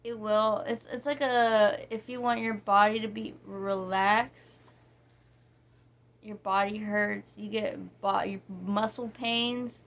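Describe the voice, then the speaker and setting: A woman casually reviewing bar soaps, reading ingredients slowly and rambling with many fillers and restarts. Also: mid-range voice, fairly even intonation, a bit bright. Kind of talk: casual product review chat.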